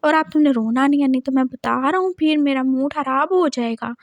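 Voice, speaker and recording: A playful, coaxing young husband from a storybook, put on by a woman narrator, speaks in a high voice. He teases and flatters his partner without letup. The sound is close and dry. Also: fairly quick, no echo. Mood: teasing. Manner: coaxing, teasing.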